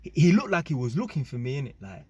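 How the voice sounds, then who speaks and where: A man casually telling a story to camera, animated and full of street slang and tag questions. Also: mid-range voice, quick pace, slightly rough, no room sound. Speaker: vlogger.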